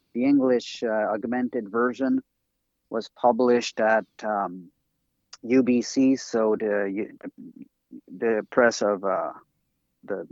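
A man with a French accent, a native French speaker, talking as an interview guest and author in a halting way with many fillers and restarts. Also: medium pitch, no room sound. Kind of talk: interview talk over a call. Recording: dry, dull lo-fi audio.

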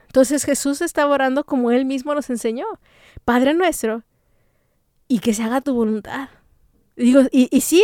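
A woman's voice: a little high, a little mellow, smooth, no echo, clean studio sound. A woman giving an informal sermon, talking conversationally and acting out prayers in a chatty tone. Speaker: preacher.

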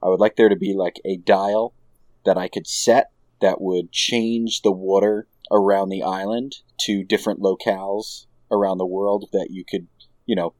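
A man with a very deep voice chats loosely with a group of friends, wandering through his ideas with plenty of fillers. The sound is dry and close. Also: no room sound. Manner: relaxed, rambling with many fillers. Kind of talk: casual group chat.

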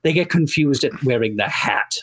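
A man playing a jolly, chatty, good-natured Santa Claus in a rambling, effusive interview chat with a husky voice. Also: mid-range voice, animated, normal speed, a bit bright. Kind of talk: improvised in-character interview chat.

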